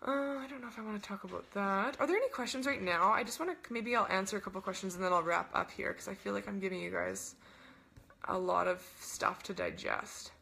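A young woman hosting a casual coaching webinar, bubbly and rambling, gushing with enthusiasm and acting out little dialogues in a higher voice. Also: a little fast, vocal fry, sharp tone, a little hiss or hum. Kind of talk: casual webinar talk to camera.

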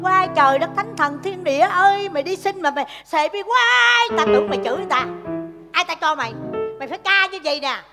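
An actress playing a bossy, scolding mother of beggar children in a stage comedy sketch, shrill and dramatic. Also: animated, fast talker, in a large hall, loud music behind the voice.

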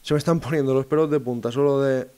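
A man talks in a casual monologue, speaking straight to his listeners and often pausing and restarting his phrases as he thinks aloud. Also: medium pitch, fairly even intonation, dark tone, clean tone. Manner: addresses listeners directly. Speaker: host of a segment on psychophony.

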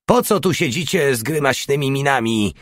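A man voicing a sly, greedy male soldier, pitching his voice up into a cheeky, callous tone. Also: expressive, normal speed, no echo, natural voice.

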